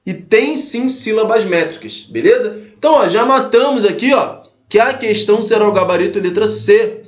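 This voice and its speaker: A man's voice: sits high, animated, moderate pace, reverberant. A man teaching an exam-prep lesson, explaining step by step, repeating his points and checking in with his students. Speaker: Portuguese teacher.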